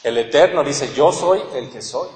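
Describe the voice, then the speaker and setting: A man's voice: mid-range voice, animated, moderate pace, a little mellow, a little hiss or hum. A man with a Mexican accent preaching a sermon as pastor, earnestly asking his listeners rhetorical questions. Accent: Mexican Spanish. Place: church hall. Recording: echoey church hall with long reverb.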